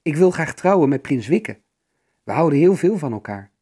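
A man's voice: a little high, sing-song, normal speed, warm tone, breathy edge, voice pushed up. A man voicing a young princess in love who talks in an earnest, pleading way.

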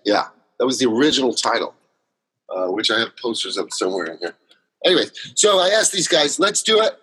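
With a sing-song, brisk delivery, a man's mid-range voice comes across pushed, bright and husky on a low-quality recording. He's a guest in a casual interview, rambling at length about his solo theater work with plenty of fillers and restarts.

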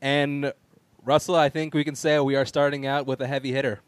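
A man with a mid-pitched voice hosts a casual entertainment podcast. He talks informally, and the sound is very dry and close. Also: level tone, fairly quick, no room sound. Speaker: podcast host. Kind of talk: casual entertainment talk show hosting.

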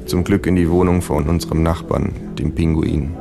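A man's voice: a bass voice, steady tone, normal speed, creaky, over loud music. A man narrating a comic story in a dry, wry storytelling manner. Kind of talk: comic audiobook reading.

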